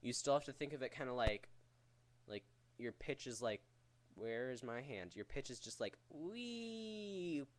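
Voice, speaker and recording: A man's voice: medium pitch, moderate pace. A man giving a casual, rambling vocal technique tutorial in a crude, jokey, profane way. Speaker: vocal tutorial host teaching screaming technique.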